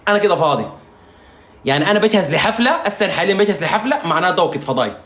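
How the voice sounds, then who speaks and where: A Sudanese-accented man fires off a rambling, mocking rant at a rapid clip, sprinkling it with "you understand?" His voice sits slightly high. It echoes around a live room, with faint background ambience. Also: expressive, a bit bright. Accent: Sudanese Arabic. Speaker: singer vlogging while doing makeup. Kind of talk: casual ranting monologue to viewers.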